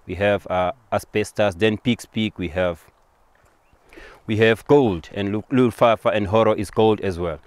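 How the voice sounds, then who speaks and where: A Swazi-accented man from Eswatini, a native Siswati speaker, talks as a local tour guide, repeating and rephrasing things simply. His voice is lowish and smooth, with no echo.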